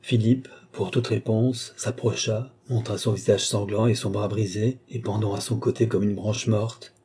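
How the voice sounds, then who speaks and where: A man reading a classic novel aloud with measured, expressive narration. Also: on the low side, husky. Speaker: audiobook reader.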